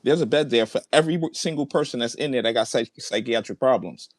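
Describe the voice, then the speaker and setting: A man's voice: medium pitch, quick pace, no room sound. A man in a heated online debate, arguing emphatically and swearing as he repeats his points. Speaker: debate participant. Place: large room at home.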